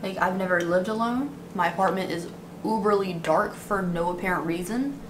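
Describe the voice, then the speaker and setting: A woman's voice: on the low side, moderate pace. A woman in her twenties chatting casually to camera, complaining at length like a vlogger venting. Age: 20s. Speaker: beauty vlogger. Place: small dim apartment room, indoors. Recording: clearly noisy room recording.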